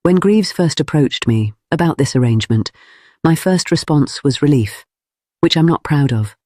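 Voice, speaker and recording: Earnest, mellow Regency gentleman, read by a narrator. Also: a little high, animated, moderate pace, no room sound, studio quality. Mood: earnest, restrained. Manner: careful, formal, restrained. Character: earnest, honest Regency gentleman confessing his feelings.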